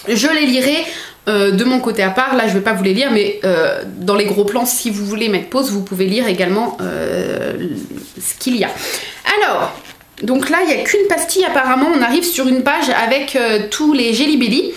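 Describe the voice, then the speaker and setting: A young woman chatting as a book vlogger, excitable and full of fillers. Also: fairly high pitch, normal speed. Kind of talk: casual unboxing chat. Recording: echoey room.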